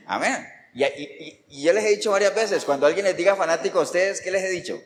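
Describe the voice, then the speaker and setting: A man's voice: sits high, fast. A man preaching a Sunday sermon, who keeps asking the congregation questions and answering them with sudden emphatic jumps. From Colombia. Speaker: pastor. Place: church sanctuary. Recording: church hall reverb, faint background noise.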